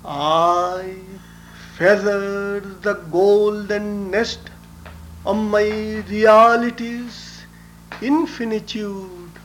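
A man with a high voice recites a devotional message at an extremely slow, drawn-out pace. He sounds like a spiritual teacher, solemn and deliberate, with every word carefully placed.

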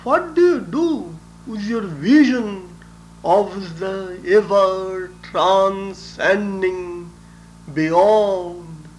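Man, spiritual teacher, high-pitched voice, extremely slow delivery, solemn measured recitation. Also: faint music behind. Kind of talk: devotional recited message.

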